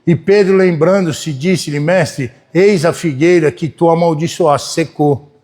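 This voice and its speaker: A Brazilian pastor preaching to his church, his voice set a little high for a man. He talks in a homely, chatty way and keeps turning to the congregation with quick asides. His volume rises and drops as he preaches. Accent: Brazilian Portuguese. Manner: folksy, keeps asking the congregation "né?"; animated, swings between loud and soft. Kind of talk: sermon.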